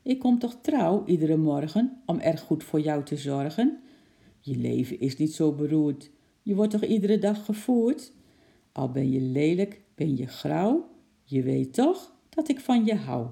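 Reader doing a sweet little zoo girl, high and coaxing, bit of gravel under it. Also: sing-song, a little slow, dark tone. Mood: sing-song. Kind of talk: storybook reading.

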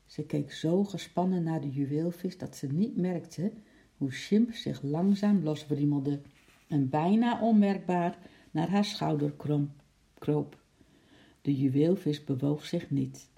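Expressive children's storyteller, gravelly, deep dark colour, playful sound effects. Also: takes it slowly.

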